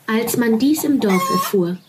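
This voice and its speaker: A woman reads rhymed verse for children at an unhurried pace, letting each line fall into a sing-song beat. She leans into the sound words with playful relish, like a storyteller at bedtime. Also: a little high, lively intonation, background noise.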